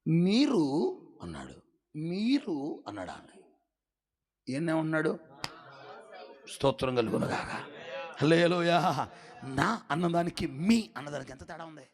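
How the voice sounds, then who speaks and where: A man preaching a sermon as pastor, calling on the congregation to answer back and swinging between shouted lines and quiet asides. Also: on the high side, very animated, unhurried, long pauses. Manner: preaching with call-and-response to the congregation.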